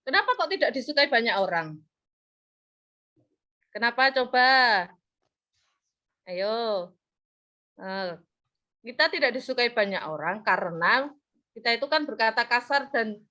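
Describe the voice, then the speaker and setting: In a muffled, lo-fi recording, a woman runs a practice classroom lesson, coaxing and praising her students. Her slightly high voice is expressive, bright and pushed, and she takes her time with long pauses. She often stops partway through a word so the class can finish it.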